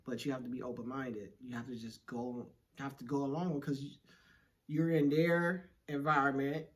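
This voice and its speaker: A young man from Washington, D.C., co-hosting a casual couples chat, telling stories in an animated, slangy, joking way. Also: medium pitch, normal speed. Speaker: co-host.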